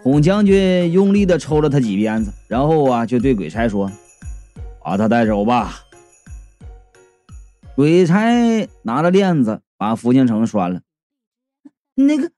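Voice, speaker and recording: A man narrating a comic ghost story in a lively, colloquial way, voicing the characters. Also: fairly high pitch, dry recording, studio quality.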